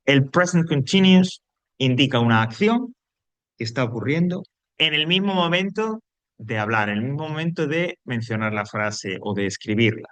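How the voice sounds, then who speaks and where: A man explains English spelling rules at an even, mid-range pitch, patiently going over each step more than once. His first language is Spanish, and the recording is dry, with no room echo. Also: normal speed. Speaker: English teacher. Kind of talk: recorded online grammar lesson.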